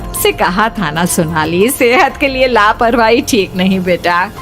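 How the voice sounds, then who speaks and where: A woman voicing a gentle, caring mother in a cartoon story, soothing and fussing over her daughter. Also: mid-range voice, lively intonation, unhurried, soft background music, voice pushed down.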